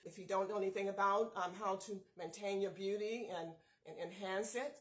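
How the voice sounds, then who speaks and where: A woman's voice: mid-range voice, steady tone, a little fast, a bit bright, poor audio. Chatty woman beauty vlogger. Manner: chatty, often addresses viewers as you guys; upbeat, encouraging pep talk. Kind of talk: casual skincare tutorial.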